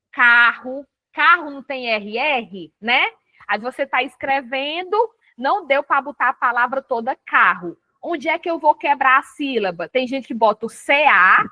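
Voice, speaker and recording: Bright-voiced Brazilian woman teaching spelling. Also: a little high, dry recording. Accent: Brazilian Portuguese. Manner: explains step by step, often checking with "tá certo?" and "né?". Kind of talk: recorded writing lesson.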